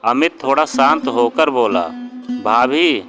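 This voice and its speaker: Male story narrator: slow, measured and plain, with guitar music under the voice. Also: medium pitch, animated.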